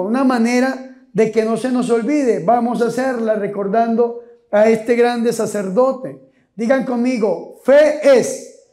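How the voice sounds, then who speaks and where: A man, a priest, giving a lively sermon with call-and-response, repeating his questions and shouting key words. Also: very high-pitched. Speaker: priest preaching. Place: church or retreat hall with a congregation. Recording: echoey hall with crowd.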